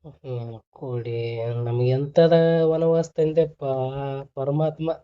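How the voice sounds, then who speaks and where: Slow-paced and a little high in pitch, a man with a North Karnataka accent chats on the phone in casual banter, needling and scolding as he asks the same questions again. The call recording is noisy and band-limited.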